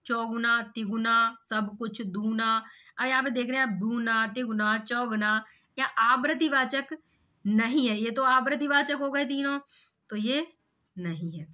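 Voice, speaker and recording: A woman teacher works through an exam paper one question at a time. She explains every answer in steps and keeps asking rhetorical questions as she goes. Her voice sits a little high with a crisp, bright edge. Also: measured pace. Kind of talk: exam paper walkthrough lesson.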